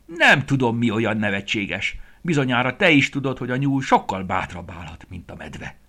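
A man's voice: low voice, expressive, sharp tone, slightly rough, full character voice. A man voicing a boastful, brave little male rabbit in a children's story, talking in a cocky, sing-song way.

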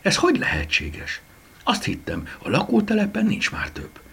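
A man voicing a curious, excitable elderly woman who plays amateur detective in a storybook reading, with high, exclaiming lines. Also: creaky, breathy edge, heavily acted. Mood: amazed.

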